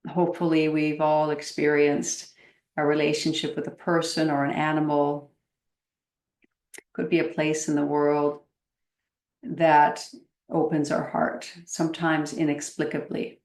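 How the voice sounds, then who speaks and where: Her voice sits low and barely moves in pitch as she, a meditation teacher, calmly talks listeners through a guided meditation. She takes her time and pauses at length, and the recording has a roomy echo.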